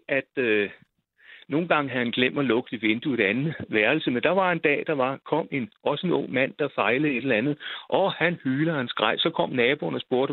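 This is casual storytelling from an older man, recounting something personal while he hesitates and repeats himself along the way. His voice sits at medium pitch. The tinny phone recording has no echo.

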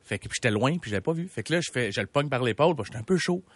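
A man with a Québécois French accent, co-hosting a radio show and telling a story in lively, joking banter. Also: mid-range voice, racing, no room sound. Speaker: radio co-host. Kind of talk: casual radio chat.

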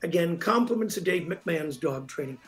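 A man's voice: fairly high pitch, lively intonation, normal speed, a bit bright. A Canadian man hosting live radio talk and making announcements, repeating details for emphasis. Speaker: radio talk show host.

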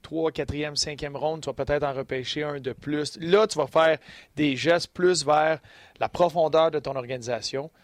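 A man's voice: fairly high pitch, fairly even intonation, moderate pace, dry recording. A man, co-hosting and explaining hockey draft strategy, with a teasing streak. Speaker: co-host and analyst.

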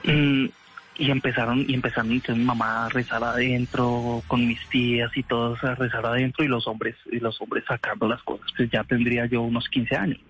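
A man's voice: medium pitch, level tone, normal speed, fairly bright tone, slight background noise, rough recording. A man casually telling a story in an interview, rambling with restarts and slangy asides.

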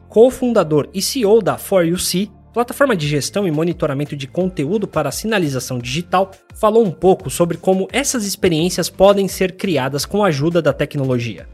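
A host narrating a scripted podcast segment and introducing guests in a measured way. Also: mid-range voice, breathy edge.

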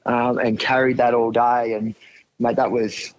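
A man's voice: mid-range voice, little pitch movement, measured pace. A middle-aged Australian man on a phone line, telling his story casually as a guest, blokey and a little hesitant. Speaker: phone-in guest, charity walker. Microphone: phone call.

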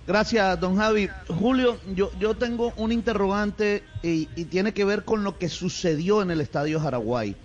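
A man's voice: high-pitched, normal speed, hardly any pauses, muffled recording. A man, a sports radio panelist who asks pointed, incredulous questions.

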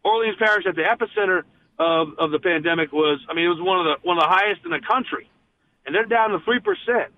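Brief: fired-up male sports radio guest, tinny phone-line sound, slightly high voice. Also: expressive, fast talker, no room sound. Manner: impassioned, frustrated, many restarts.

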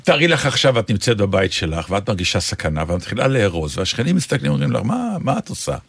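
Guy cohost, very expressive, does little voices for quotes, dry room. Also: fairly low pitch, gravelly, husky, no echo. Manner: lively, acts out quoted voices. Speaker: radio co-host. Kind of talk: casual talk-radio discussion.

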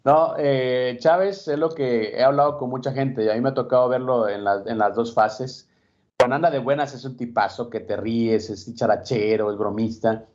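A man with a mid-range voice co-hosts a casual sports chat, talking in a steady, reflective way. The sound is dull and lo-fi. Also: mid-range voice, moderate pace. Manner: reflective, steady, frequent "¿no?" tags. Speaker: boxing talk show co-host. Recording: dull lo-fi recording.

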